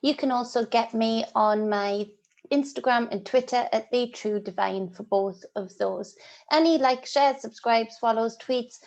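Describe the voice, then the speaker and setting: Unhurried and on the high side, this woman's darkish voice carries vocal fry as she does a casual spiritual reading for her vlog. She's a British tarot reader, congested and sniffling, and her monologue wanders with ums and restarts.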